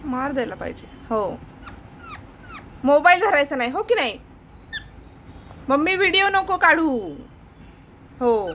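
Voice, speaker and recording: Woman scolding a pet on a phone video; high, unhurried, repetitive commands. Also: big pitch swings, fairly bright tone, slight background noise. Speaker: pet owner scolding her parrot. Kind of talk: casual talk to a pet.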